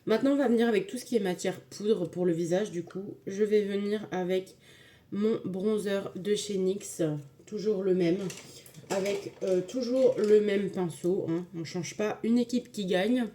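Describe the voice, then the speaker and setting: A woman's voice: medium pitch, measured pace, warm tone. A woman casually talking viewers through a makeup tutorial, chatty and enthusiastic, with frequent hesitations. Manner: chatty, filler-heavy, enthusiastic about products.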